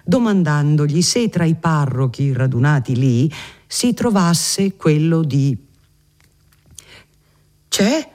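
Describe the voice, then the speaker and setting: Male audiobook reader, measured and expressive, slightly high pitch, warm dark tone. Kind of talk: literary novel reading.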